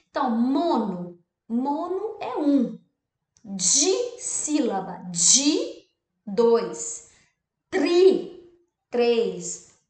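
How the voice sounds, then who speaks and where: A Brazilian woman, a primary school teacher, explaining a textbook exercise to children, drawing out syllables and often checking "tá bom?". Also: fairly high pitch. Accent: Brazilian Portuguese. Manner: lively, drawn-out stressed syllables, frequent "tá bom?" checks. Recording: echoey room.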